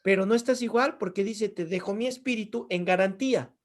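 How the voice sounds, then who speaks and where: A man's voice: sits high, fairly quick. A middle-aged man teaching a theology class, asking his students rhetorical questions and answering them himself. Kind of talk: Bible class lecture.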